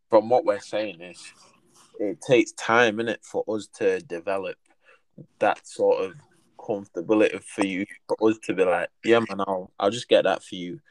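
Young male, London roadman accent and slang. Fairly low pitch, casual discussion, dry sound. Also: no echo, poor audio.

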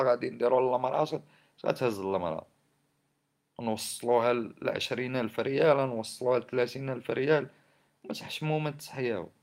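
A man's voice: mid-range voice, vocal fry. A man with a Moroccan Arabic accent giving impassioned social commentary in an indignant, scolding way, firing off rhetorical questions. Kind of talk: impassioned spoken commentary on society and government.

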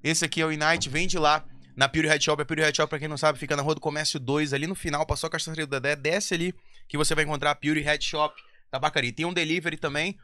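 Bright, higher-voiced podcast host, a man. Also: fairly even intonation, quick pace, few pauses, no echo, clean studio sound. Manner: slangy, joking. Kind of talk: casual podcast hosting with sponsor reads.

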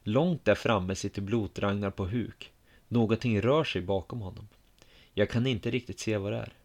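A man telling a first-person story in a calm, measured, quiet way. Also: on the low side.

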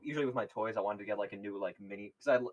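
Fast-talking young man, low voice. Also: highs cut off. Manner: quick, chatty, nostalgic storytelling. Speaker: podcast co-host. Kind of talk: casual chat.

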